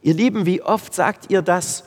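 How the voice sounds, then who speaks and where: A man with a slightly high, husky voice delivers a sermon at an unhurried pace. He leans on repeated phrases with emphasis. The sound carries a long reverb, as in a church hall. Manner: slow, emphatic preaching with stressed repetitions. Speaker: preacher.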